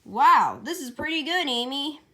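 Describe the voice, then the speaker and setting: A woman's voice: high voice, lively intonation, unhurried, bright, forceful tone, pitched above the performer's own voice, heavily acted. A woman voicing a young male hedgehog in an amateur storybook read-aloud, easygoing, puzzled and kindly, in a casual way. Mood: pleased.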